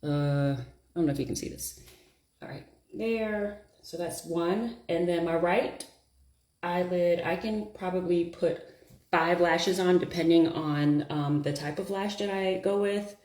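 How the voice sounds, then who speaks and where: An unhurried, low, darkish female voice comes through an echoey room. She's a beauty vlogger chatting on a live stream as she does her lashes, thinking aloud and cracking jokes at her own expense.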